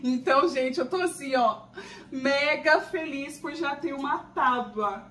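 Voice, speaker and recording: A Brazilian woman gushes through an unboxing vlog, bright and forceful in tone. Her voice rings around an echoey room from a slight distance off the mic. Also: sits high, measured pace, a little hiss or hum. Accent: Brazilian Portuguese. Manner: gushing, exclamatory, chatty with viewers. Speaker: channel host.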